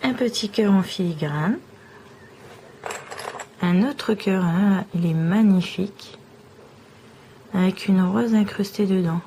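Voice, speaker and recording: A woman vlogger showing off small trinkets one by one in a slow, admiring show-and-tell. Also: medium pitch, dark tone, a little hiss or hum, rough recording.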